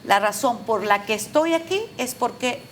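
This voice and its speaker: A middle-aged woman with a fairly high voice patiently lays out grammar rules, giving example sentences as she goes. Her speech is measured and instructive, over a faint hiss of background noise. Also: expressive, a bit bright. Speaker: Spanish teacher and proofreader, guest. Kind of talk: explanatory interview talk.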